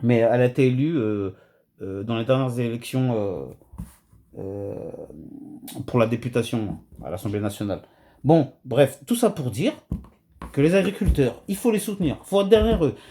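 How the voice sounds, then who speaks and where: Agitated ranting vlogger, mellow voice. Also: mid-range voice, normal speed. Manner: agitated, emphatic, many hesitations. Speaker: video commentator. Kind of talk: heated rant to camera.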